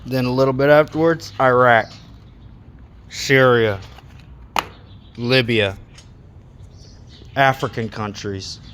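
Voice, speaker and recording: A man in his thirties in a casual, heated rant, swearing often and pausing between thoughts. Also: mid-range voice, fairly even intonation, a bit bright, a little hiss or hum. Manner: heated, swearing, with long pauses. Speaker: monologue speaker.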